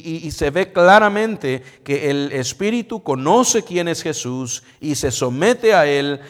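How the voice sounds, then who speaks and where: A man preaching a sermon in Spanish, who reads scripture in a loud emphatic voice and then drops low and quiet as he explains it. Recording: long reverb of a large hall.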